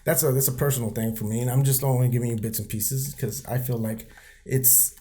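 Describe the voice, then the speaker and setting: A man's voice: mid-range voice, fairly even intonation, a little fast, dark tone. A man in a casual podcast chat, telling candid stories laced with profanity and acting out what people said. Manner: acts out quoted people mid-story.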